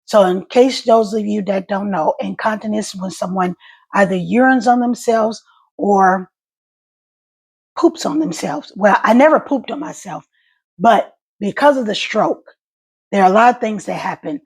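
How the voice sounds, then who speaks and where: Gravelly, gargly-voiced woman, slightly halting. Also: medium pitch. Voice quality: gargly, wet-sounding voice; gravelly, husky. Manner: slightly stuttering, halting speech. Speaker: vlogger and stroke survivor. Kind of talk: casual personal vlog to viewers.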